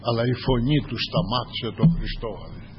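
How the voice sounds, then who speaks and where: An older man delivers a sermon to his congregation, rising to loud urging and then dropping to soft murmured praise. His voice sits at an ordinary middle pitch. The recording is dull and lo-fi. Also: lively intonation, a little hiss or hum. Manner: swings from loud exhortation to murmured "glory to God" asides. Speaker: preacher.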